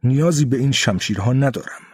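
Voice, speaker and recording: Guy doing calm old-master swordsman in his fifties, measured, husky, dry. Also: medium pitch, dry recording.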